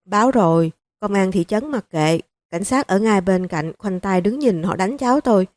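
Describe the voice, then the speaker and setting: A woman's voice: lively intonation, normal speed, a little mellow, dry recording, natural voice. A woman voicing a grieving elderly mother-in-law who pleads and sobs through her words, in an audiobook reading. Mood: sobbing plea. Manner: sobbing, begging, high-pitched.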